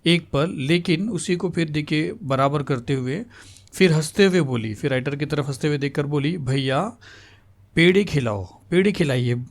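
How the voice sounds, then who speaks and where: A man with a slightly high voice teaches a school literature lesson. He restates each line in plainer words and slips English words into his explanations. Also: normal speed.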